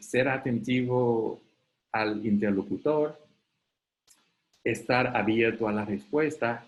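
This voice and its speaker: Guy running a webinar on a video call, chatty teacher vibe, keeps saying ok?, mid pitch. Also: poor audio. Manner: conversational, often tags sentences with "¿ok?". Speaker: webinar facilitator. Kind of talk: live online talk.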